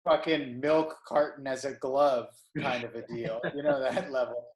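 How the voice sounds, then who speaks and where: A man's voice: medium pitch, steady tone, normal speed, a crowd in the background. Rambling, profane man in a roomy space. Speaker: podcast co-host. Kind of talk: casual chat. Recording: roomy echo.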